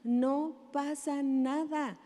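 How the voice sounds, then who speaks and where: A woman's voice: high voice, fairly even intonation, extremely slow, warm tone. A woman pastor preaching to parents in a conversational way, acting out parents and children. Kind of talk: sermon to parents. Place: large auditorium. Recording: live hall reverb.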